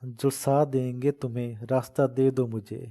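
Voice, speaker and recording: A man's voice: mid-range voice, level tone, dark tone, close to an everyday voice. Man voicing an old mother, fierce. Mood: fierce defiance. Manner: fervent, scolding, protective. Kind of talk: dramatic audiobook reading.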